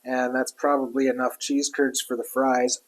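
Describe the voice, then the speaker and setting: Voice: medium pitch, little pitch movement, unhurried, poor audio. Easygoing cook chatting at a sizzling griddle. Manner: easygoing, chatty, talks while working the griddle. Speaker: cook demonstrating a recipe. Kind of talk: casual cooking demonstration. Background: food sizzling on the griddle, utensils clinking.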